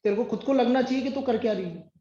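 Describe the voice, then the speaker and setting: A man's voice: extremely high pitch, fast, mellow. Guy tutor scolding a student in math class, sarcastic, echoey room. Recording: echoey room, dull sound.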